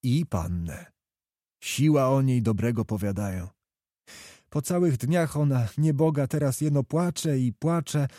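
A man's voice: mid-range voice, a little slow, warm tone, no echo, clean studio sound, close to an everyday voice. A man voicing a tearful young village noblewoman in a plaintive, raised voice. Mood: worried.

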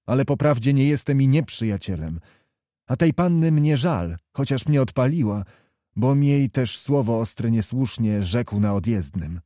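A man reading the part of a seasoned officer who speaks in a measured, moralizing, steady way. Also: mid-range voice, no room sound, studio quality, close to an everyday voice. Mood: earnest. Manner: measured, admonishing. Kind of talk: audiobook character reading.

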